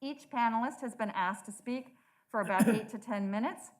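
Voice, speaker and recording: A woman's voice: a little high, moderate pace. A woman speaking through a face mask as a moderator, reading prepared introductions at a formal event.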